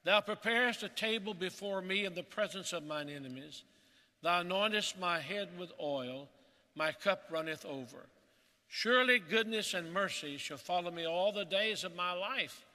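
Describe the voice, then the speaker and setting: A man, the pastor, preaching a sermon at a pulpit microphone in an earnest, measured way, often dropping to a soft, hushed voice. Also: high-pitched, big-room sound.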